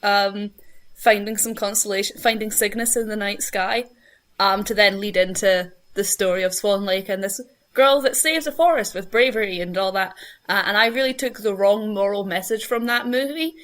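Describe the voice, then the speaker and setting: A woman's voice: medium pitch, fairly even intonation, normal speed, a bit bright. A young woman with a broad Scottish accent tells a personal anecdote casually, acting out her thoughts as she goes. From Scotland. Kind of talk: casual anecdote in a panel chat.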